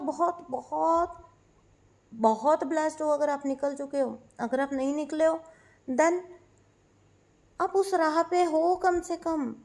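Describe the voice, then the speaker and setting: A woman with a high, light voice hosts a spiritual channel and gives an advice monologue. She speaks insistently, repeating herself for emphasis, and mixes English phrases into her talk.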